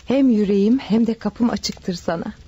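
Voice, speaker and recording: Manuela, a husky coy temptress. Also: female voice, medium pitch, moderate pace, mellow, highs cut off. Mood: coaxing. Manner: coy, teasing, manipulative. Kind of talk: 1970s-style radio drama acting.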